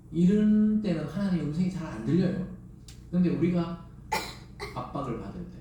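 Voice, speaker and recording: Middle-aged pastor preaching, big swings up and down, mellow voice, echoey church from far off. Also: male voice, fairly high pitch, a little hiss or hum. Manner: emphatic, rises and drops sharply for stress; asks the congregation rhetorical questions. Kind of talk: Sunday sermon. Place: church sanctuary. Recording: echoey church sound from a distant mic.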